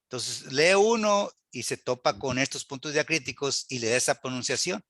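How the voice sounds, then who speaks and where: A man's voice: mid-range voice, lively intonation, moderate pace, a bit bright, dry recording. A man teaching a Bible Hebrew class to a church group, earnest and full of rhetorical questions, quoting scripture aloud.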